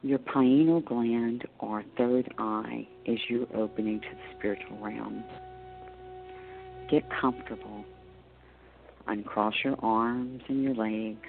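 A man leading a guided meditation as a spiritual teacher, giving slow, counted deep-breath instructions in a hushed, soothing, measured way with long pauses. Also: steady tone, gravelly. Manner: soothing, hushed, measured delivery with trailing soft phrase endings. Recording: dull lo-fi audio with soft music. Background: soft meditation music.

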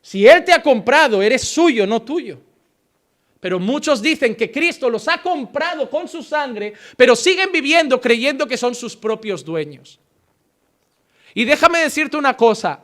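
Un hombre que predica en un sermón con una voz llamativamente aguda para un varón. Pasa de exclamaciones fuertes a frases bajas y serenas, y representa con viveza las preguntas de la congregación antes de responderlas. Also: male voice. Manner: preaching with sudden swings from loud exclamations to quiet, low statements; acts out questions from church members in a quick exchange. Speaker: pastor. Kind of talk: sermon.

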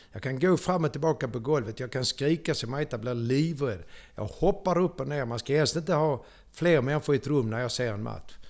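Animated older Swedish man with Scanian accent. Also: medium pitch, creaky. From Sweden. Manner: theatrical, switches to sudden loud exclamations. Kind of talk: animated personal storytelling.

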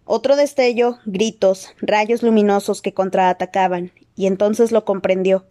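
A woman reading a novel aloud as an audiobook narrator, in steady, dramatic scripted narration. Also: mid-range voice, a little slow.

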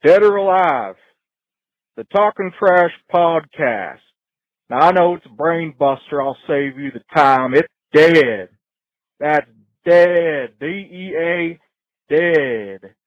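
A man leaving a joking voicemail message in a slow, folksy, teasing drawl, played back from a recording. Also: fairly high pitch, expressive, dry recording, highs cut off.

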